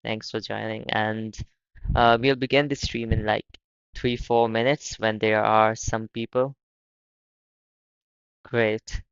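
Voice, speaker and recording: A young man from Pakistan hosting a casual live stream, talking haltingly and often repeating his words. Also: fairly low pitch, flat delivery, creaky, clean tone, no room sound, highs cut off. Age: young adult. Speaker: livestream host.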